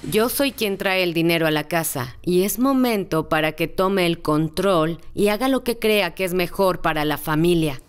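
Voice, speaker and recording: A woman's voice: on the low side, animated, normal speed, few pauses, clear, resonant tone, close to an everyday voice. A woman dubbing an exasperated wife in her forties on a reality show, weary and complaining, in Spanish-dub style. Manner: weary, fed-up complaining that builds to an angry confrontation. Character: exasperated wife, tired of a stingy husband.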